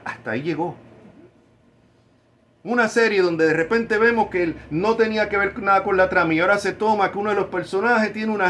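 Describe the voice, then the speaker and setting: Man, pastor, sermon, emphatic, slightly high voice. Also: fairly bright tone, a little hiss or hum. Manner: emphatic preaching, slows words down for stress.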